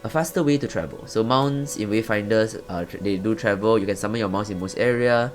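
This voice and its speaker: A man's voice: lowish voice, fairly quick, faint music behind. A man giving chatty, rambling commentary as the host of a casual let's-play. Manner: chatty, rambling, swears lightly. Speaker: gaming channel host.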